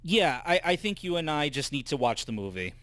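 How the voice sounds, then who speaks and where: A man's voice: a little high, very animated, a little fast, a bit bright. Rambling man in his thirties. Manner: rambling, many fillers and restarts. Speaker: co-host. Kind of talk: casual gaming chat.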